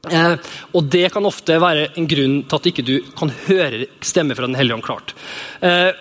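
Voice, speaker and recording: A man's voice: on the high side, a bit bright, big-room sound. A man in his thirties preaching a sermon in a conversational, joking way, with many fillers and restarts.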